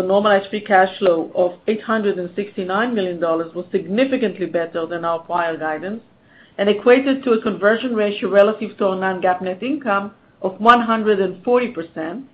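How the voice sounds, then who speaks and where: An executive reads scripted quarterly results in a formal, stiff corporate delivery over a conference call line. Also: normal speed. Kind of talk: scripted earnings call presentation. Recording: narrow phone-line sound, faint rumbling noise.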